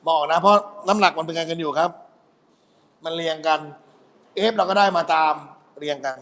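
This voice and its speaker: A man's voice: fairly high pitch, a little fast, fairly bright tone. A man tutoring physics for an exam review, walking through problems and checking often that students keep up. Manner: quizzing students with constant "got it?" checks.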